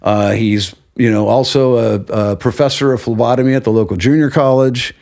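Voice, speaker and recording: A middle-aged man, a guest on an interview podcast, telling a personal story in a casual, animated way and acting out what others said. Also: medium pitch, moderate pace. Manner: animated, acts out quotes of others.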